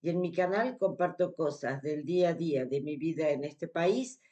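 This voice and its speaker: Speaking at a normal pace, this Argentine vlogger has a deep, warm voice, and the recording's highs are cut off. In her Argentine Spanish accent she talks casually to camera, walking through things step by step with many fillers.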